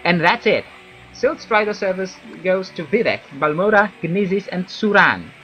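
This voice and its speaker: A man's voice: high-pitched, expressive, normal speed, bright, forceful tone, lo-fi sound, faint music behind, pitched above the performer's own voice. A man voicing a chatty, nervous wood elf commoner from a video game in a perky, gossipy christmas elf manner. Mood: chirpy, informative. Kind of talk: video game character read aloud.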